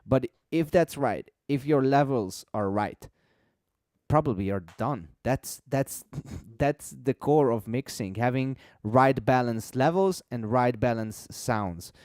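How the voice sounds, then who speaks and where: A man's voice: medium pitch, slow, darkish tone, dry recording, clean studio sound. A man hosting a casual live stream, explaining things at length and repeating words for emphasis. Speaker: host explaining music mixing.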